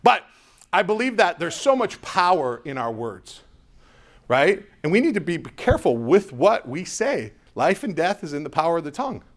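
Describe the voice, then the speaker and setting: A man giving an energetic motivational talk to a live audience, telling a personal story with quick asides to the crowd. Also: fairly high pitch. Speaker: motivational speaker.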